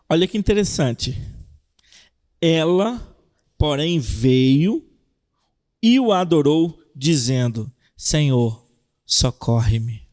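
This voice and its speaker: A young Brazilian man preaching to a youth group. His voice sits a little high and swings widely as he acts out cries and pleading prayers, then drops back to teaching. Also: big pitch swings, slow, pauses often, a little mellow. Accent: Brazilian Portuguese. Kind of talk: sermon.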